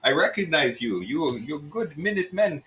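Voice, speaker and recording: A man voicing a gruff male innkeeper with a Russian accent and broken English. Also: fairly high pitch, big pitch swings, moderate pace, pushed and bright, voice pushed up, rough recording. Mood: wheedling.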